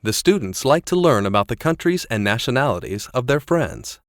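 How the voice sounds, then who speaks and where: A man narrating a short scene in a language lesson, lively and deliberate. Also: medium pitch, no room sound, clean studio sound.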